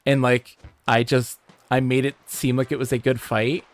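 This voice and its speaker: A man from Michigan, livestreaming, who tells animated, swear-laced stories and reads chat aloud. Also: medium pitch, moderate pace, dry recording. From Michigan, USA. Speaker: streamer. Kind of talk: casual storytelling while livestreaming a game.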